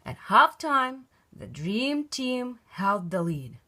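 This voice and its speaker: A woman reading a children's picture book aloud in an expressive, emphatic storytelling style. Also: on the high side, takes it slowly.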